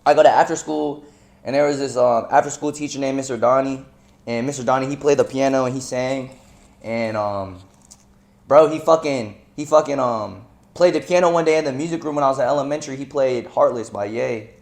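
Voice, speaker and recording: Speaking briskly in a mid-range voice, a North Carolina-raised man in his twenties is interviewed as a guest musician. The conversation is casual, and he leans heavily on slang and filler words.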